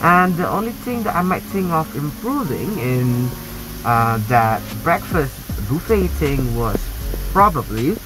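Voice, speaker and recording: A man chats through a face mask while giving a casual food review, his voice muffled by the cloth. He talks hesitantly with plenty of fillers, and his pitch bounces around. Music plays in the background. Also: very animated, unhurried. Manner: chatty, hesitant, many fillers. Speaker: food vlogger.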